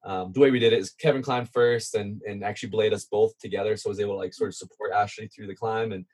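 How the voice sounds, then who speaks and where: A man's voice: on the low side, steady tone, quick pace, darkish tone, husky. A man casually telling an adventure story as a guest, chatty and self-deprecating, with plenty of fillers. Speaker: guest content creator.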